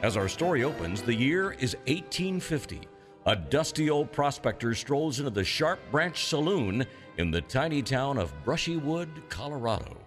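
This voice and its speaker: Animated male announcer over music. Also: medium pitch, moderate pace. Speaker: radio sketch announcer. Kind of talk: mock-dramatic scripted narration.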